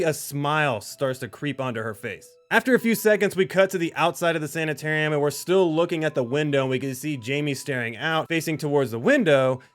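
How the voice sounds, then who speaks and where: Slightly high-voiced man retelling a film script. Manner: conversational storytelling with small restarts. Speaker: video creator. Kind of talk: casual narration of a fan-written movie script.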